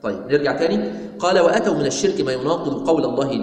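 Male Egyptian sheikh, quick teaching delivery, repeats his points, recorded in an echoey hall. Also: a little high, expressive, a little mellow. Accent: Egyptian Arabic. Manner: asks rhetorical questions and answers them himself. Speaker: sheikh teaching a creed text. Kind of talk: religious lesson, reading and explaining a text. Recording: echoey hall with long reverb.

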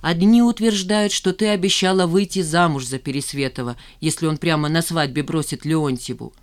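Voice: mid-range voice, moderate pace, natural voice. An audiobook reader voicing a nosy, jealous male friend who chatters animatedly. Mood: gossipy. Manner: gossipy, animated. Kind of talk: audiobook character voice.

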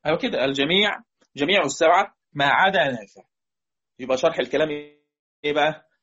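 A man with an Egyptian accent teaching a lesson on Quran recitation variants, explaining in casual speech and slowly chanting the verses he quotes. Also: a little high, expressive, bright, forceful tone, husky, dry recording, lo-fi sound. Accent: Egyptian Arabic.

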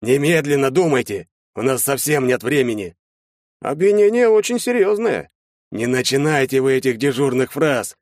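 A man reading an audiobook, voicing a stern, commanding father with a forceful manner. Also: mid-range voice, very animated, moderate pace, no echo, studio quality, pitched above the performer's own voice, lightly acted. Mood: demanding. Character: stern wealthy father, older nobleman.

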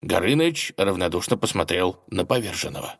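A man narrating a fairy tale in a playful, expressive reading style. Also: deep voice, normal speed, creaky, breathy edge. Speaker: storyteller.

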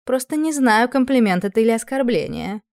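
A wry, grumbling count who sounds dry and mocking, as a woman reader plays him. His voice sits higher than her narration and is fairly loud. The recording is dry and close. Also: expressive, fairly quick, gravelly, dry recording.

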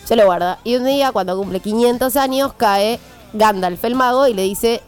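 A young woman with a Rioplatense Spanish accent, a film columnist on a casual radio show, telling a story with animated energy and frequent laughs. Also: a little high, moderate pace, clean tone, faint music behind.

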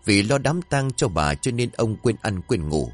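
Male narrator, low voice, animated, dramatic ghost-story reading. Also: normal speed, soft background music.

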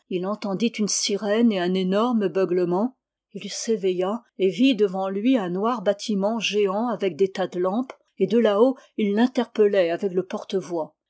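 A woman reading a literary novel aloud in a measured, even narration. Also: mid-range voice. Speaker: audiobook reader.

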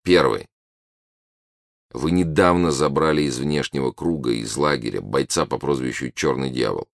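A man reading the part of a weary, bitter male explorer who speaks hoarsely and curtly. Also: extremely low pitch, moderate pace, dry recording, studio quality.

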